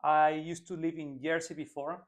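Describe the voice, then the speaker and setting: A Venezuelan man in his twenties, a native Spanish speaker with a Venezuelan accent, answers interview questions earnestly as a political candidate, frequently restarting. His voice is fairly high, level in tone, at a moderate pace.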